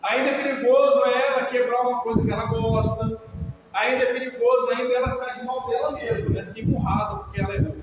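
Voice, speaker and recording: A man's voice: very high voice, steady tone, quick pace. A man with a Brazilian Portuguese accent giving a live talk on emotional healing, chatting with his listeners and asking them questions. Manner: conversational, asks the audience questions. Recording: echoey hall, far from the mic, faint hiss.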